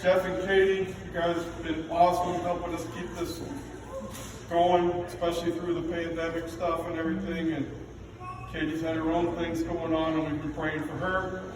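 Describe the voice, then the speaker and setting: A man's voice: a little high, monotone, moderate pace. Echoey, middle-aged father of the bride speech. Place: large reverberant indoor reception room with background noise. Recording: echoey noisy hall, picked up from far off.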